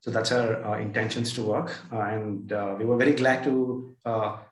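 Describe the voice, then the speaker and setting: A man from India introducing himself on a video call, talking quickly and politely with many fillers. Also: on the low side, little pitch movement, slight background noise. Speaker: conference participant. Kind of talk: online self-introduction. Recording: roomy video-call audio.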